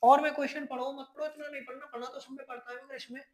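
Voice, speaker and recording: High-voiced teacher walking through math steps. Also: flat delivery, low-quality recording. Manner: addresses students as children, keeps checking in with "ठीक है"; repeats and restates each step slowly. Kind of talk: step-by-step board exam math lesson.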